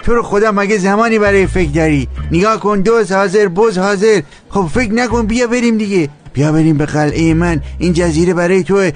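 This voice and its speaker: A man's voice: high voice, hardly any pauses, soft background music, close to an everyday voice. A man dubbing a boastful, lovestruck character in a TV drama. He talks in a pleading, teasing, theatrical way. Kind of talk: dubbed TV drama acting.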